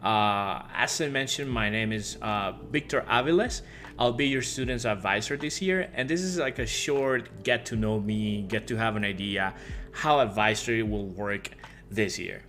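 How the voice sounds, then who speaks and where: In a casual welcome video for parents, this Puerto Rican teacher and advisor in his thirties, a native Spanish speaker with the local accent, rambles warmly with many fillers and restarts. His fairly bright voice runs on the low side at normal speed, with faint music behind him.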